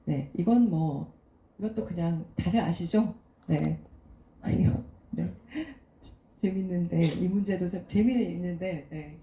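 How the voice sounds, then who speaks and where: A woman moderates a post-screening talk in a brisk, friendly way. Her voice is fairly low and very mellow. It echoes around an event hall. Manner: brisk, friendly, laughs lightly between questions.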